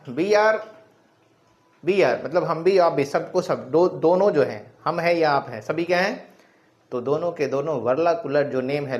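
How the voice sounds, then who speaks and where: A male teacher explaining biology to his students, his voice sitting a bit high. He often repeats himself, poses questions and answers them right away, and drops English technical terms into Hindi sentences. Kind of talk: classroom lecture.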